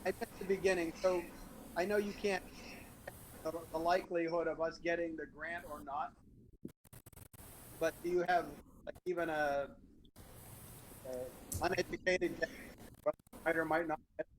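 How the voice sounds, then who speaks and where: A high-voiced man asks his question over a remote call link that keeps breaking up. He talks in halting bursts and restarts his words, and faint noise sits under his voice. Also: steady tone, rough recording. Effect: remote call audio breaking up. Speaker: board member calling in remotely. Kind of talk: meeting discussion.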